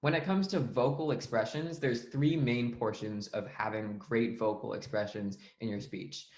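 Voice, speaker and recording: A man's voice: medium pitch, moderate pace, a little mellow, reverberant. A young man teaching debate speech delivery in an online lesson, explaining in a casual tone with frequent fillers. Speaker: debate coach.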